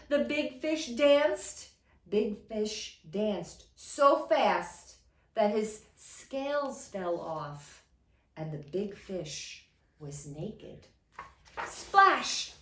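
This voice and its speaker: A woman storyteller reading a children's trickster tale with dramatic, expressive emphasis. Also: a little high. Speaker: storyteller reading a picture book. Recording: roomy echo, mic at a distance.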